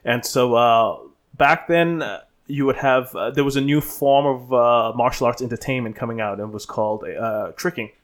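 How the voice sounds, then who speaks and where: A man in his thirties who grew up in the Bahamas, chatting as an interview guest. His voice sits in an ordinary middle register, and he rambles easily, often restarting sentences and filling pauses. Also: mid-range voice. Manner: relaxed, rambling, many restarts and fillers. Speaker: guest, stunt performer. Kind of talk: casual interview storytelling.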